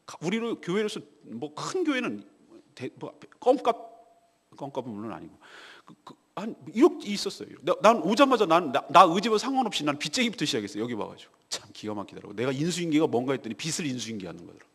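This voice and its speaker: A male pastor delivers a morning sermon in a confessional, storytelling way. His voice is a little high and swings widely, from hushed murmurs to loud outbursts. The church hall adds a long, ringing reverb. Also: very animated, fast, slightly rough. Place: church sanctuary.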